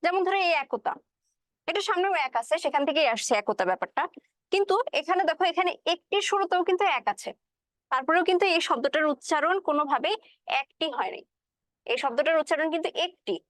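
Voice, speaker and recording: High-voiced woman teaching a grammar lesson. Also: expressive, fast, a bit bright, dry recording, studio quality. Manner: explains step by step with frequent checking questions; spoken with English words mixed in. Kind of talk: classroom lecture.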